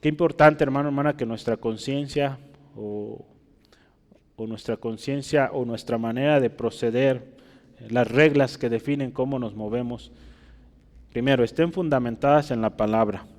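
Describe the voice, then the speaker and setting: A man's voice: medium pitch, normal speed, darkish tone, big-room sound. A man preaching an expository sermon in a church, explaining scripture and Greek words while turning to his listeners with frequent rhetorical questions. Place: church hall.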